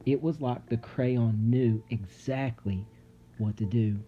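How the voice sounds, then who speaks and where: With suspenseful, theatrical delivery and deliberate pauses, a man narrates a children's storybook aloud dramatically. His pitch is medium, the sound is phone quality, and music plays in the background.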